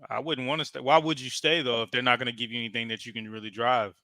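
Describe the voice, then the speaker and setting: A man co-hosting a casual car talk show, animated and joking, trailing off at times. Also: mid-range voice, quick pace, dry recording. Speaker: podcast co-host.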